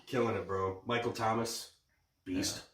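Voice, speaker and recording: A male sports podcaster with a congested, sniffly, blocked-nose voice trades cocky, boastful, sweary banter. His voice is lowish, steady, unhurried, and fairly bright, recorded off-mic in an echoey room.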